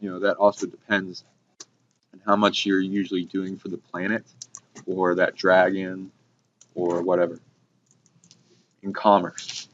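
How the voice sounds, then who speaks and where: Speaking in a low, level tone, a man hosts a halting, rambling talk on spiritual ideas, cursing casually here and there. It's a muffled hobby recording, noisy and marked by clicks.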